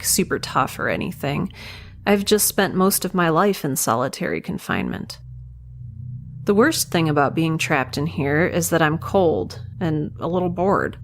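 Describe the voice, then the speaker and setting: Voicing a stranded space scientist in an audio drama, a young woman speaks in a fairly low register over slight hiss or hum. Her first-person log meanders in a self-deprecating way, and the mood is musing and wry.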